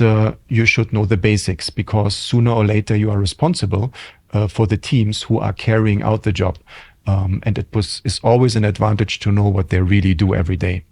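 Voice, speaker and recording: A middle-aged hotel general manager with a German accent recounts his career in a podcast interview, reflective and full of ums and restarts. His voice is lowish and a little mellow, and the recording is dry.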